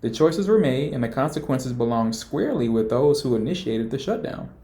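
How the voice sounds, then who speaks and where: A man's voice: mid-range voice, lively intonation, brisk, mellow. A man narrating scripted political commentary in an indignant, emphatic, mocking way.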